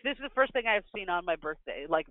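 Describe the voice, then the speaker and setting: A woman in her forties co-hosting a podcast in animated casual chat, laughing often, recorded with fuzzy distortion on a non-professional microphone. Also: fairly low pitch, fast talker, dry recording, phone-quality sound. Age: 40s. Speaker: podcast co-host.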